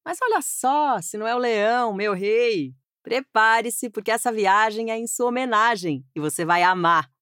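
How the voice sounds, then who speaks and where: A woman's voice: medium pitch, no echo, studio quality. A woman delivering scripted, playful GPS directions in a teasing, flirty, upbeat way. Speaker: playful navigation voice.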